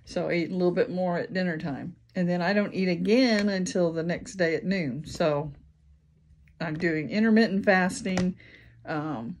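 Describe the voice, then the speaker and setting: A tired woman with a Midwestern American accent talks casually to her camera at home. Her voice sits a little low, and she rambles along with plenty of ums and self-corrections. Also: normal speed, slight background noise. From Indiana, USA. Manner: rambling, many ums and restarts. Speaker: vlogger. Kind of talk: casual chat.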